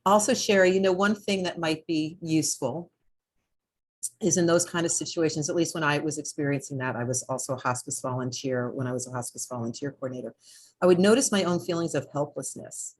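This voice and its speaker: A woman offering conversational advice in a measured, reflective manner, speaking as a former volunteer coordinator. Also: low-pitched, low-quality recording.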